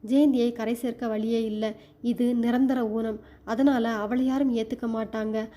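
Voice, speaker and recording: Weary old father near retirement, pleading softly, dark-toned, read by a woman. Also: fairly high pitch, fairly even intonation, a little slow, lightly acted. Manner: tired, pleading. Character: aging father, weary and heartbroken.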